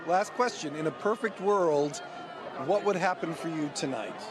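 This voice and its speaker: Male red carpet host, high-pitched voice, live interview style, crowd and music behind. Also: moderate pace. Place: outdoor red carpet at an awards event.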